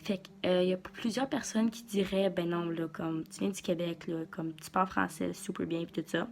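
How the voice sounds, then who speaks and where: A woman's voice: on the low side, fairly even intonation, moderate pace, creaky, darkish tone, a little hiss or hum. A woman from Ontario with a Franco-Ontarian French accent, speaking casually with many hesitations. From Ontario, Canada.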